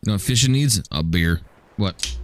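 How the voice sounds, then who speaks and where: While playing a game on a livestream, a man with a lowish, expressive voice chats casually at normal speed. He jokes around and frequently stammers, restarting his sentences.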